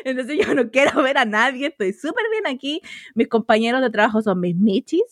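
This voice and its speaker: A young woman with a Chilean accent, co-hosting a casual chat and telling animated stories with slangy asides. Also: on the high side, no room sound, studio quality. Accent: Chilean Spanish. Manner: animated storyteller, quick slangy asides and laughter. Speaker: podcast co-host. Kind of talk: casual chat among friends.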